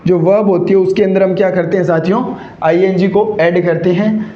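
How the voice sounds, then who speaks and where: A man's voice: sits high, steady tone, fairly quick, dark tone. A male English teacher, lecturing a class and constantly answering his own rhetorical questions. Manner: repeats rhetorical questions and answers them himself. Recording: echoey room, dull lo-fi sound.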